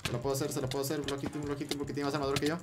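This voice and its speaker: A young man with a Mexican accent giving excitable gameplay commentary, swearing and repeating words in rapid bursts. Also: mid-range voice, soft background music. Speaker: Minecraft gameplay YouTuber.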